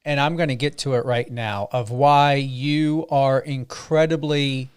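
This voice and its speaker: A man's voice: medium pitch, fairly even intonation, a little slow, clean tone, no room sound, clean studio sound. A man hosting an interview, talking with enthusiasm and lavish praise for his guest. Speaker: host.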